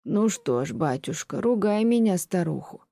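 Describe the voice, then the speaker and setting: A woman's voice: fairly low pitch, lively intonation, warm tone, dry recording. A woman reading as a fretful old landowner lady. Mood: plaintive. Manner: slow, plaintive scolding. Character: lonely old female landowner, fretful and reproachful. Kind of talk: audiobook reading of classic prose.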